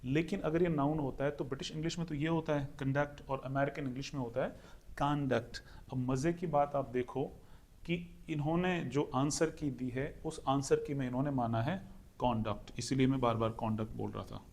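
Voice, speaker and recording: A young adult English teacher from India, with an Indian accent, explains pronunciation in an exam-prep lesson, walking through a question step by step and repeating his points. His mid-range voice is steady, darkish and a little fast.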